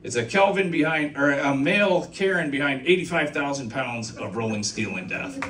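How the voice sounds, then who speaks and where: A middle-aged man performs stand-up about trucking on a small comedy club stage, telling stories with sound effects and asides to the crowd. His mid-range voice moves at normal speed and sounds a bit bright. Filmed from the audience with a handheld mic, the echoey club comes across from far off, with slight background noise and audience laughter.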